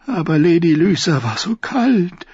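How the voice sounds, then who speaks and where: A man narrating takes on a blind, heartbroken singer with a high, husky, fragile voice, pleading and trembling. The storybook recording is dry and a little dull. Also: very animated, a little slow, darkish tone, no room sound, full character voice. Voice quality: broken, near-whispered voice. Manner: pleading, tremulous. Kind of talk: audiobook character voice.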